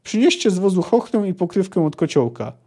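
A man's voice: high-pitched, big pitch swings, dark tone, pitched above the performer's own voice. A man reading aloud and voicing a cold, terse male monster hunter who explains things coolly. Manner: cool, measured lecturing.

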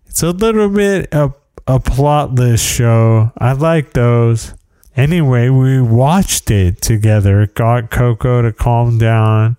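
A man's voice: medium pitch, takes it slowly, mellow, clean tone, dry recording. A man in his forties hosting his own podcast, rambling in a jokey casual monologue and saying "dude" a lot. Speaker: podcast host.

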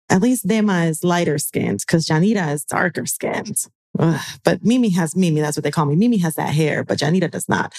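An American woman in her forties speaks as a guest in a panel discussion, her deep, slightly mellow voice emphatic and wry as she repeats phrases for effect.

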